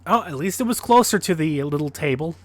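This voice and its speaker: A man's voice: a little high, animated, a little fast. A man streaming a game, chatting and reading in-game books aloud. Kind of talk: casual gameplay commentary and reading aloud.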